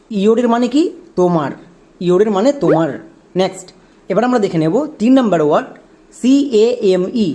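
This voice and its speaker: Reading teacher, mellow tone, methodical letter-by-letter phonics explainer. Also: medium pitch. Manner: spells words out letter by letter, asks and answers own questions. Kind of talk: step-by-step phonics lesson.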